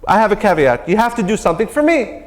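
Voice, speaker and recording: A man voicing a rowdy, drunk, wealthy townsman in a retold story, loud and jovial. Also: sits high, big pitch swings, fast talker.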